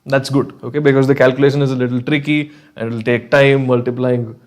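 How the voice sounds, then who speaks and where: A man's voice: mid-range voice, flat delivery, fast talker, darkish tone. A man with an Indian accent teaching a live online chemistry lesson, encouraging and reassuring students, often checking in and slipping Hindi phrases into his English.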